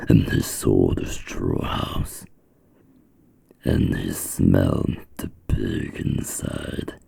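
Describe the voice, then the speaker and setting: A man with a very deep, gravelly voice narrating a fairy tale slowly, in a firm, deliberate manner. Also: warm tone. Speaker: storyteller.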